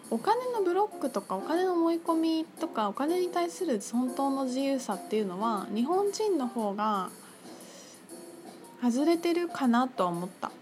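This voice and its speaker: A woman talking casually on her own about her crystal shop, chatty and full of fillers, lively when she quotes others. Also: a little high. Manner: chatty, filler-heavy, animated quoting. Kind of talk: casual solo talk. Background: music.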